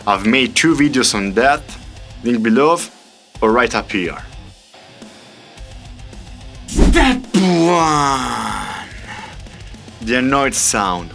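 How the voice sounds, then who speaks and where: A man's voice: medium pitch, lively intonation, slow pace, gravelly, long pauses, a bit bright, faint music behind. A man presenting a scripted tutorial as an upbeat vocal coach, explaining things step by step. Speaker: extreme vocal coach and singer.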